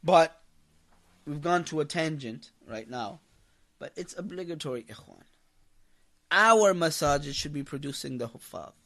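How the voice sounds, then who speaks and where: Sharp-toned and a little high, this imam's voice is animated yet measured, with frequent pauses. He gives an impassioned religious lecture to his congregation, emphasizing and repeating key phrases and putting rhetorical questions to them.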